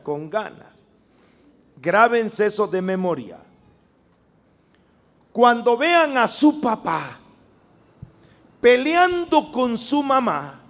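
A man's voice: sits high, a bit bright. A man preaching a sermon to a congregation, emphatic and drawn out, calling on them to repeat after him.

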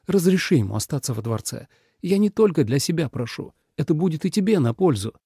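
A man voicing a calm, firm young man in an audiobook, speaking in a measured, cool and resolute manner. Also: a little high, slightly rough, no echo, clean studio sound, pitched above the performer's own voice. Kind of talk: audiobook character voice.

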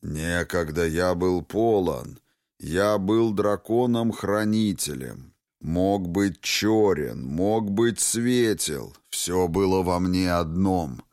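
A man voicing an ancient, wrathful ghost dragon in an audiobook, speaking slowly and solemnly. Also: low voice, expressive, a little mellow, no echo, clean studio sound, heavily acted. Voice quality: slow, heavy, solemn delivery.

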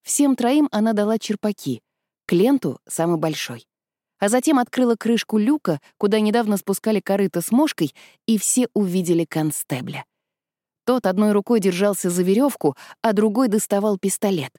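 A woman reading an adventure novel aloud as a steady storyteller. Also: mid-range voice, normal speed, no room sound, clean studio sound. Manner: steady storytelling, shifting voices for characters. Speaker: audiobook narrator. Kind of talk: scripted narration.

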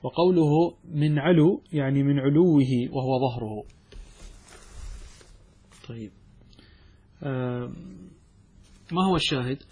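A man teaching a classical Arabic grammar lesson, who explains by asking and answering his own questions and recites verses slowly. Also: medium pitch, dark tone, husky.

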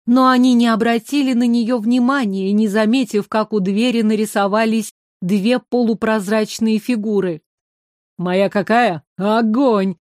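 A woman narrating an audiobook with an expressive storytelling manner. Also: on the high side, moderate pace, no echo, clean studio sound.

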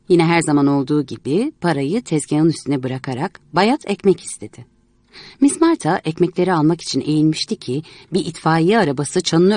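A woman reading a story aloud in a measured, expressive way. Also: on the low side, dry recording. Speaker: narrator.

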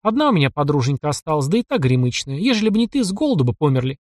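A man's voice: a little high, big pitch swings, rapid-fire, a little mellow, dry recording, clean studio sound. A man voicing a fussy, doting older village aunt who talks in a folksy, sighing way. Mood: fussing.

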